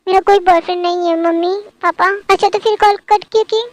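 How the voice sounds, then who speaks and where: A woman voicing a sharp-tongued young woman, very high. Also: fairly even intonation, a little fast. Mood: sulky. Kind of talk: amateur Hindi fan-dub acting.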